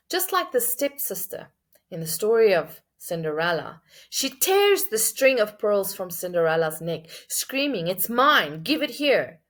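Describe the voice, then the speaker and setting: A woman speaking slowly and earnestly in a reflective book review, weighing scripture as she goes. She thinks aloud, stopping to restart her sentences, at a middle pitch for a woman.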